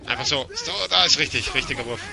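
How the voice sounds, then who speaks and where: A young man giving excited commentary while he plays a game, shouting and jumpy, swinging between panic and boasting. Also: mid-range voice, fast, creaky. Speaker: Let's Play gamer.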